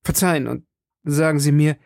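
A passionate young swordsman pleads in a raised, gravelly voice, voiced by a male reader. The recording is dry and close. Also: on the high side, normal speed, darkish tone, no room sound, voice pushed up. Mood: pleading.

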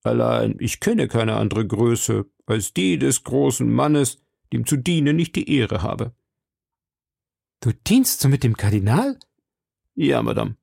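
A man's voice: mid-range voice, big pitch swings, slow pace, gravelly, a little mellow, no room sound, studio quality, full character voice. Man doing a pompous greedy shopkeeper. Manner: pompous, self-important. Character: vain, greedy middle-aged male shopkeeper. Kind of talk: audiobook character reading.

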